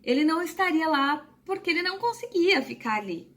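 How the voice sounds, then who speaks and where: A woman with a high, light voice tells a personal spiritual experience. She speaks softly and hesitantly, with frequent pauses and a tender, emotional tone. She is from Brazil. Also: expressive. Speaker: spiritual channel host. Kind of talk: personal storytelling to camera.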